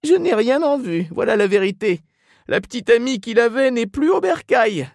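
A man's voice: extremely high pitch, big pitch swings, normal speed, gravelly, darkish tone, dry recording, clean studio sound, voice pushed up, exaggerated voice. A man voicing a weary middle-aged mother who complains and gossips in a drawling, plaintive way.

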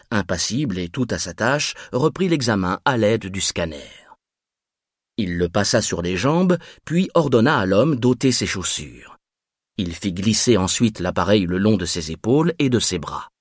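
A man reading a thriller aloud as narrator, with measured, expressive storytelling. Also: fairly low pitch, dry recording, studio quality.

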